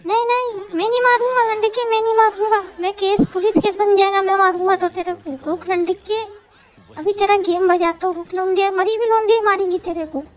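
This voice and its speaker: A man voicing a swaggering, foul-mouthed young gangster don in a comic game dub, taunting and cursing nonstop through a sped-up chipmunk pitch. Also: steady tone, a little fast.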